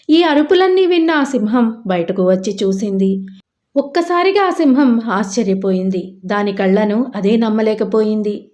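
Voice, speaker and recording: A woman narrating a children's moral story in a lively, expressive storybook style. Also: fairly high pitch.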